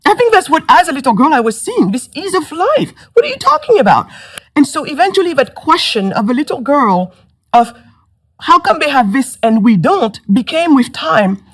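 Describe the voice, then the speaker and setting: Animated woman from Senegal telling her story. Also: moderate pace. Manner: animated, rising pitch when excited. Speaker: entrepreneur guest. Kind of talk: conversational interview storytelling.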